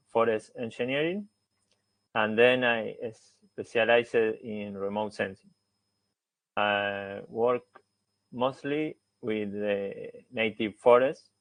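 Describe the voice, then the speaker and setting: A native Spanish speaker with an Argentine accent gives an academic seminar talk about his research, full of hesitant fillers and restarts. His voice is fairly low, and the recording is rough with no room sound.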